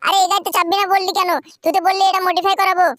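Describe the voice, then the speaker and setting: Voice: very high-pitched, level tone, racing, fairly bright tone, no room sound. A performer voicing the cheeky little boy Shinchan in a playful, pleading way during a game video.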